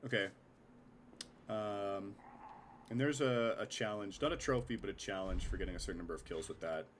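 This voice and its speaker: A man's voice: lowish voice, moderate pace. A man streaming a game with casual live commentary, chatty and self-mocking with some swearing, his voice nasal and his throat scratchy from a cold.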